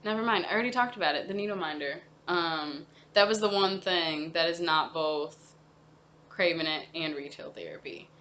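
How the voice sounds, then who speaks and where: A woman's voice: lowish voice, normal speed, a bit bright, muffled recording, slight background noise. A young woman chatting casually in a cross-stitch vlog, rambling with many ums and self-corrections. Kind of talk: casual chat.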